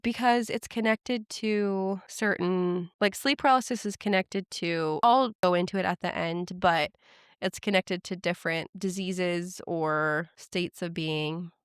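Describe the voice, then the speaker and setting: Clear-voiced woman host telling a story. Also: lowish voice, fairly even intonation, measured pace, dry recording, studio quality. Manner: chatty retelling with frequent "like" fillers. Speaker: podcast host. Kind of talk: casual storytelling chat.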